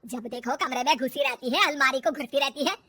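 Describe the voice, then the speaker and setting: A woman voicing a bossy, nagging older mother-in-law who shouts orders in a storybook tale. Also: high voice, a little fast, husky, no echo, full character voice. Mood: scolding. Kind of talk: storybook character voice.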